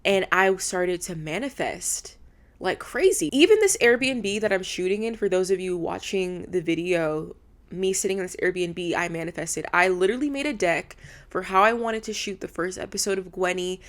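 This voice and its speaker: A woman's voice: lowish voice, moderate pace. A woman in her twenties hosting a solo podcast from an apartment room, talking candidly and heartfelt, swearing freely. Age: 20s. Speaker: podcast host. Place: indoors in a rented apartment room.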